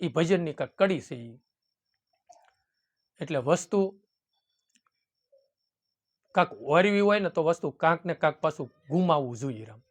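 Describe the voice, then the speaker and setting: A man's voice: on the high side, lively intonation, unhurried, long pauses. A man preaching a devotional sermon in a folksy way, often calling his listeners "bapu" and quoting hymn verses. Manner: folksy, keeps addressing listeners as "bapu" and "ram". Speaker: satsang preacher.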